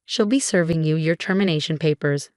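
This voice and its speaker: A woman voicing a cool, formal male chairman addressing a board, in a low, dry voice. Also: a little fast, darkish tone, no echo, lightly acted.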